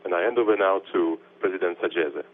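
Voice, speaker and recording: A man's voice: deep voice, fast talker. A man who is a space agency official, giving a formal, ceremonial address over a space radio link. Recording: tinny radio line with faint hum.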